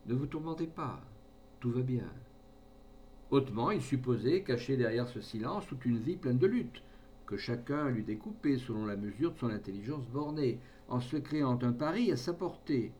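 A man narrating a classic short story in a measured, expressive reading voice. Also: medium pitch, a little hiss or hum. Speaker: audiobook narrator.

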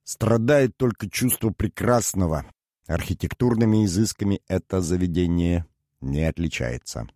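A languid aristocrat speaks with weary, stoic irony from his prison cell, as a man reads him in an audiobook. His voice sits low, and the recording is dry and close. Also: lively intonation, normal speed, dark tone, no room sound. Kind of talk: audiobook character reading.

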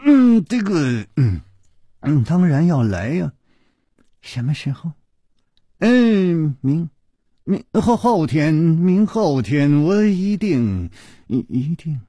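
A man's voice: a little high, very animated, slow pace, long pauses, dark tone, breathy edge, dry recording, studio quality, heavily acted. A male storyteller voicing a charming young swordsman who stammers nervously and fills his words with hesitant ums. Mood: stammering.

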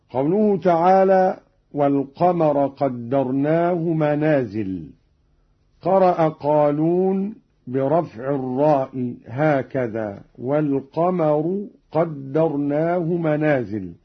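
A man teaches the variant readings of scripture, speaking slowly and deliberately in a husky, slightly raised voice. He explains each rule and then chants the verse even more slowly. The recording is dull and lo-fi. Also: a little high. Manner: slow, measured delivery with verses chanted slower. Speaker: Quran recitation teacher. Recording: dull lo-fi audio.

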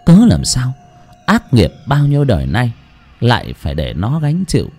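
A man's voice: mid-range voice, huge pitch swings, normal speed, darkish tone, breathy edge, soft background music. A man narrating an audiobook story dramatically.

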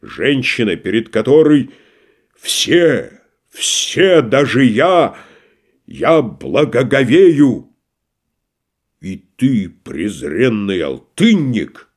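A man's voice: mid-range voice, sing-song, drawn-out words, slightly rough, exaggerated voice. A man voicing a pompous, grandiloquent tragic actor, declaiming theatrically in an audiobook play reading. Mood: indignant declaiming.

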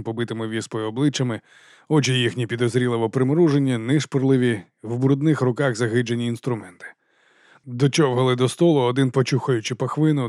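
A man's voice: mid-range voice, darkish tone, no room sound, studio quality. Man narrating an audiobook. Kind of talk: scripted narration.

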